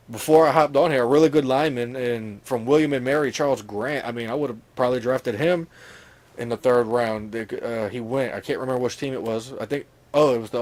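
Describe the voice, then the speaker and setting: A man's voice: mid-range voice, a little mellow. A man co-hosting a casual sports talk stream, talking through picks with hedges and fillers. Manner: analytical, hedging, many fillers. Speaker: co-host.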